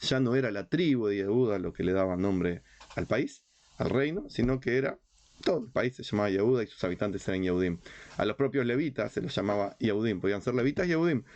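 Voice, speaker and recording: Lecturing informally on religious history, a rabbi from Uruguay speaks with a Rioplatense accent, driving points home through repetition and rhetorical questions. His lowish, slightly mellow voice is animated and brisk, though the recording's highs are cut off.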